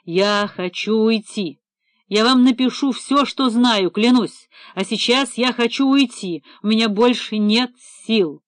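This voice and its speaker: A woman's voice: on the high side, a little slow, dry recording, natural voice. A woman voicing a distraught, hysterical male embezzler, pleading and wailing theatrically.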